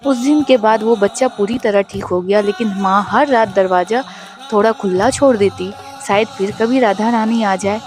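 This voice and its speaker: A woman narrating a devotional story in a measured, emotional way. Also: mid-range voice, darkish tone, faint music behind.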